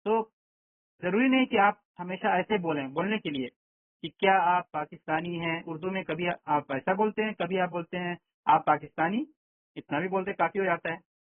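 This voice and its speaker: Man, patient online teacher, fairly high voice, tinny phone-like audio. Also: no room sound. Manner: patient, explains step by step with many checks of understanding. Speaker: Arabic teacher. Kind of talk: online language lesson.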